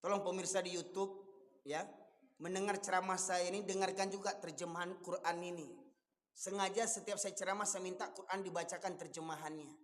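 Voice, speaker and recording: A man with a Minangkabau accent, preaching a fiery, scolding sermon that rises to shouts. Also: high voice, steady tone, fairly quick. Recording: long hall reverb.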